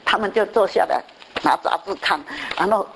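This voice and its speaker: A woman preacher giving a lively testimony sermon, telling stories and dropping in English phrases. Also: medium pitch, moderate pace, vocal fry, slight background noise, low-quality recording. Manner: animated storytelling with bursts of English.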